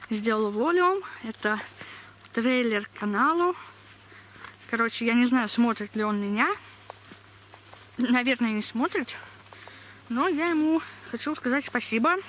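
Young woman vlogging on a walk, slushy lispy s sounds, highish voice, bit of outdoor noise. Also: fairly bright tone. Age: young adult. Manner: lisping, slushy sh for s. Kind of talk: casual chat while walking. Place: outdoors, walking along a village street. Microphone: handheld camera at arm's length. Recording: noisy outdoor camera recording.

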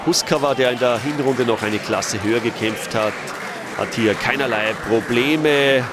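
A man with a mid-range voice provides matter-of-fact match commentary as a recorded voice-over, speaking a little slowly and getting louder at key moments. He's a sports commentator, the audio is very noisy, and a sports-hall crowd cheers behind him.

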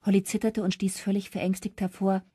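A woman narrating an audiobook in a lively, expressive storytelling manner. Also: on the low side, moderate pace, no room sound, clean studio sound. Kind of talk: scripted narration.

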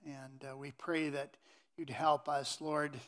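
A middle-aged man preaching from a pulpit in a church sanctuary, unhurried and halting with many fillers. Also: on the high side, flat delivery, fairly bright tone. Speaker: pastor. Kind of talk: sermon.

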